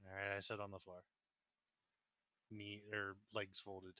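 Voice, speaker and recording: A man casually narrates his moves in a tabletop game. His voice is smooth, close and dry, through a slightly muffled, clipping mic. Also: on the low side, completely flat delivery, a little slow, pushed and bright, no room sound.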